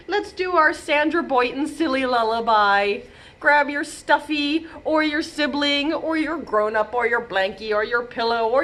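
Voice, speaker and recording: With a fairly high, fairly bright voice, a woman runs a storytime for young children, reading aloud and chatting playfully and animatedly as a children's librarian might.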